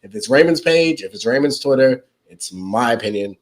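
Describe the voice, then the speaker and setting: A man's voice: medium pitch, animated, normal speed. A young man co-hosting a casual couple's podcast, joking and teasing as he talks. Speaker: podcast co-host.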